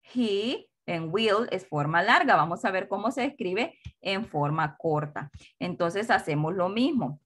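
A woman's voice: mid-range voice, lively intonation, fairly bright tone. A woman teaching English to secondary school pupils. She explains patiently, switches between two languages and repeats each pronunciation again and again. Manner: slow, repetitive drilling of pronunciation. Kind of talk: recorded classroom lesson.

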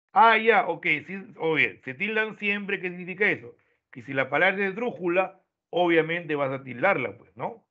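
A man teaching an online class, explaining step by step and ending his points with quick checks to his students. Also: a little high, sharp tone. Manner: explains step by step, tags lines with "¿no?". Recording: tinny phone-like online audio.

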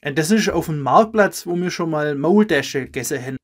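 A woman's voice: sits low, lively intonation, a little fast. A woman with a Swabian accent playing a friendly, chatty everyday conversation. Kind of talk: acted dialect dialogue.

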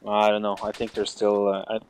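Excitable man gaming, gunfire behind. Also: on the low side, fast, a little hiss or hum. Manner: excitable, swearing. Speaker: video game player. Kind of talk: casual in-game team chatter during military shooter. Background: game gunfire.

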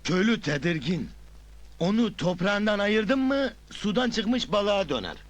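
High, lively, folksy village headman. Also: measured pace. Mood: confident, obliging. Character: self-assured village headman, eager to please the businessmen. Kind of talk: Turkish film comedy acting. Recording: noisy old film soundtrack.

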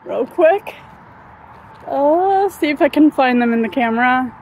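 Slow-talking high-voiced woman vlogging outdoors. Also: animated, darkish tone, a little hiss or hum, rough recording. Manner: rambling, many ums and uhs, while walking. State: hiccups. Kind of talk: casual walking vlog. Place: outdoors in a sunny park. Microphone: phone held at arm's length.

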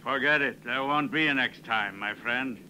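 An actor dubbing a cunning Mexican army captain who gives orders in a cold, commanding way. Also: male voice, mid-range voice, moderate pace, sharp tone, a little hiss or hum, low-quality recording. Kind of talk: dubbed film acting.

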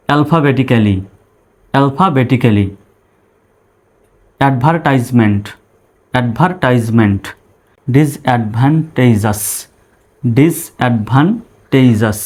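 A man teaching English pronunciation, spelling each word letter by letter and then saying it slowly in syllables. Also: medium pitch, a little mellow.

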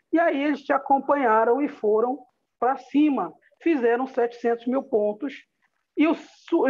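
A Brazilian-accented woman with a slightly high, somewhat mellow voice addresses her audience directly in an upbeat, motivating business talk. She's presenting on a video call, and the audio comes through dull and lo-fi.

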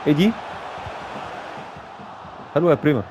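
A man with an Egyptian Arabic accent commentating his own football management game, cheering and shouting at his players. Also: a little high, expressive, moderate pace, crowd noise, background noise. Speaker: gaming YouTuber playing a football manager career mode. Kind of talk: live gameplay commentary.

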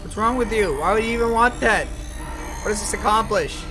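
A man doing let's play commentary, loud and brash with profane trash talk at the enemies. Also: high-pitched, moderate pace. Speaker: gamer. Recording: commentary over game music.

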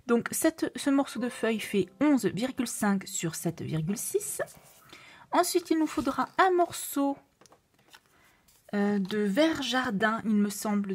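A woman with a noticeable foreign accent, walking through a craft tutorial with many fillers and self-corrections, at times dropping to a soft whisper. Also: on the high side, breathy edge. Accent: non-native French accent. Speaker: card-making demonstrator.

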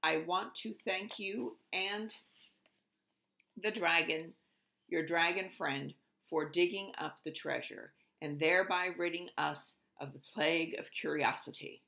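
A woman's voice: lowish voice, unhurried, gravelly, pushed and bright, heavily acted. A woman voicing a small, pompous, greedy bird king in a children's storybook reading. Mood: solemn. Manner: pompous, proclaiming.

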